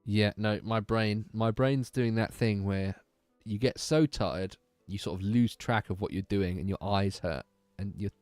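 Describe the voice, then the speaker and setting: A man's voice: fairly low pitch, a little slow, a little mellow, smooth, no room sound, faint music behind. A sleepy young man chatting casually on a livestream, rambling and trailing off as he talks. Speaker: streamer.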